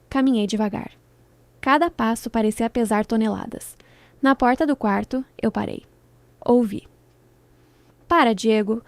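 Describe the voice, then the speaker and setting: A woman narrating a scripted first-person story with a dramatic, measured delivery in short phrases. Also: fairly high pitch, darkish tone, no room sound.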